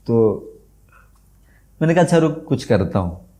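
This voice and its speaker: On a podcast, a male guest with a medium-pitched voice tells a funny story at normal speed in casual chat. He laughs a lot and acts out the lines he quotes in an animated way.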